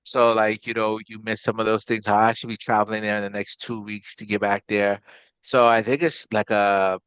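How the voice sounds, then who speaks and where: In a clear, resonant, fairly low voice with a level tone, a company CEO talks a little fast; his tone is a bit bright and there's no room sound. He comes from Guyana, later lived in Maryland, and explains things casually as an interview guest on slightly dull, lo-fi audio.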